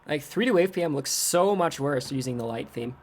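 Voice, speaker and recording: A man's voice: fairly high pitch, lively intonation, fairly quick, slight background noise. A man chatting casually on a trading livestream, rambling and poking fun at himself as he reacts to his screen. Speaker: crypto trading streamer.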